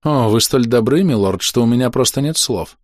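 A man voicing a hoarse, weakened young noblewoman who speaks in formal, courteous phrases in an audiobook. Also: mid-range voice, moderate pace, no echo, studio quality, close to an everyday voice. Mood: courtly. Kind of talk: audiobook character voice.

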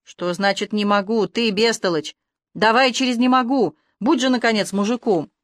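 A woman's voice: fairly high pitch, normal speed, no echo, clean studio sound, lightly acted. A woman voicing a furious, domineering middle-aged man who scolds and bosses his nephew in an audiobook. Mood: scolding. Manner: shouting, bossy, scornful.

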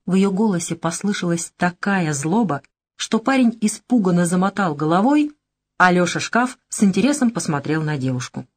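A woman narrating an action audiobook in a steady, matter-of-fact reading. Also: on the low side, moderate pace. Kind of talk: scripted narration.

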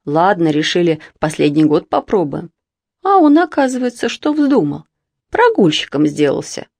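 A woman's voice: lowish voice, sing-song, normal speed, creaky, a little mellow, no echo, exaggerated voice. A woman voicing a worried mother who frets and scolds over her truant son, in a storybook reading. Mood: lamenting. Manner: fretful, scolding, lamenting. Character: anxious mother of a truant boy.

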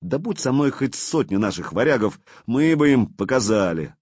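A man's voice: mid-range voice, big pitch swings, moderate pace, darkish tone, husky, no room sound, muffled recording, voice pushed up. A man voicing a boastful, hot-headed young warrior in an audiobook. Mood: defiant.

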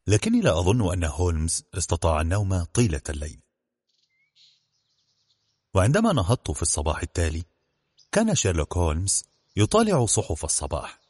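A man narrating a storybook in an expressive, measured reading. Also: low-pitched, breathy edge, no room sound. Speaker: audiobook narrator.

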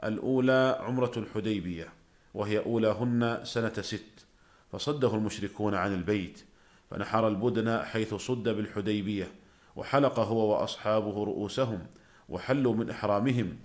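A man giving a scripted religious lecture as a radio scholar, with measured, formal standard Arabic diction. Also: lowish voice.

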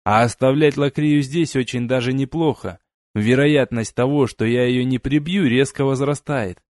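A man voicing a stern young male warrior in an audiobook, speaking in a cool, measured way. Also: medium pitch, a little mellow, no room sound, clean studio sound, natural voice. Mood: sardonic.

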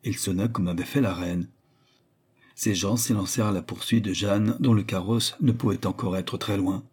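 A male narrator reads a classic novel aloud at a steady, measured pace. His voice is low and dark with a mellow color. A husky grain runs through his delivery. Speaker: audiobook narrator. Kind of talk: audiobook narration.

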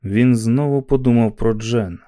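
A man narrates a novel as an audiobook. His voice is dark and mellow, his delivery steady and even. He sits at a middling pitch for a man. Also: a little slow.

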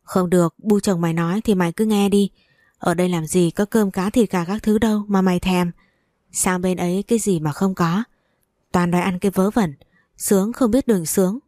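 A woman's voice: on the low side, fairly even intonation, brisk, warm tone, no echo, clean studio sound, lightly acted. A woman doing a stern poor village father. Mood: gruff. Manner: scolding, harsh.

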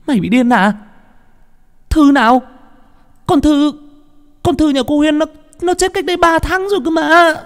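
A man voicing a young village girl who shrieks in disbelief, his voice pushed far up into a thin falsetto. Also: normal speed, pauses often, fairly bright tone. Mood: shocked. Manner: shrieking, incredulous.

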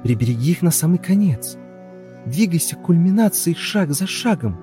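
A man's voice: fairly high pitch, animated, moderate pace, mellow, faint music behind, pitched above the performer's own voice, close to an everyday voice. A man reading a story and voicing an anxious young wife who coaxes and pleads with her husband. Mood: persuading. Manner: pleading, coaxing, then frantic. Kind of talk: audiobook character voice.

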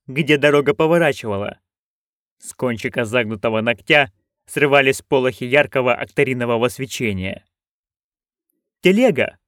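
A man narrating an audiobook in an expressive storytelling manner. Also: mid-range voice, dry recording, studio quality.

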